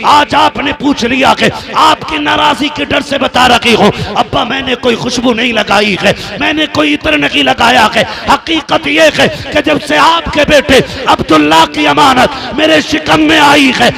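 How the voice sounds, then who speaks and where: A man's voice: very high-pitched, moderate pace, gravelly, hardly any pauses, crowd noise, voice pushed up, exaggerated voice. Grieving young widow, as a man preacher puts her on. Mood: crying out. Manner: weeping, rising to loud cries.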